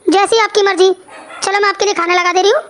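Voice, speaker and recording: A worried cartoon village wife who keeps prying, voiced by a woman. Her voice is very high and her tone fretful. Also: steady tone, fast, fairly bright tone. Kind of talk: cartoon voice acting.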